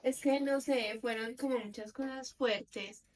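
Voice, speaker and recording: A woman hosting a podcast, asking gentle questions while searching for words. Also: on the high side, steady tone, unhurried, slight background noise, rough recording. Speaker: podcast host. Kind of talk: interview questions.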